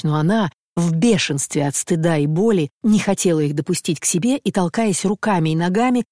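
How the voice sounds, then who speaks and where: A woman narrates a classic novel in a measured, steady voice, slightly low in pitch. The recording is close and dry, with no room sound. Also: dry recording. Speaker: audiobook reader. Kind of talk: scripted narration of classic prose.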